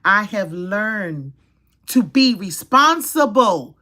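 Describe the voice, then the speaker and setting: A middle-aged woman, giving casual relationship advice to viewers in an animated, preachy way and acting out quoted scenes. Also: mid-range voice, slow.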